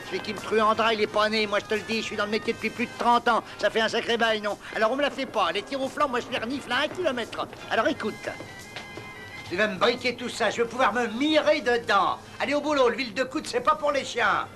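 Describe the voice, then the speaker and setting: An actor playing a bossy, stingy older junk dealer in a dubbed film, grumbling in slang. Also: male voice, very high-pitched, quick pace, over music. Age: middle-aged or older.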